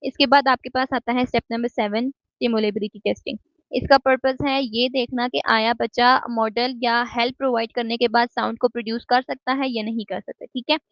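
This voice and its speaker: Female lecturer, slightly high voice. Methodical, mixes in English terms. Dull, dry recording. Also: fairly even intonation, a little fast, no room sound. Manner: explains step by step, keeps asking "ठीक है?"; mixes English terms into Hindi-Urdu speech.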